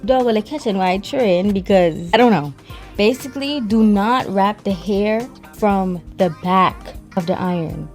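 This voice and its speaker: A woman's voice: mid-range voice, normal speed, a little mellow, faint music behind. A twenty-year-old woman hairstylist from Trinidad and Brooklyn, chatting through a casual voice-over hair tutorial in a slangy way. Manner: chatty and slangy, addresses viewers as y'all. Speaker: hairstylist and vlogger. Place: voice-over, not recorded in the pictured place.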